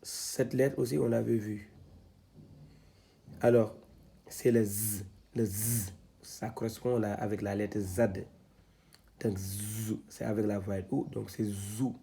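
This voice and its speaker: A man teaching Quran reading, spelling out syllables one by one, halting and repeating himself with many fillers. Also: lowish voice, fairly even intonation, vocal fry, dark tone, slightly rough. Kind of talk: step-by-step lesson, spelling out syllables.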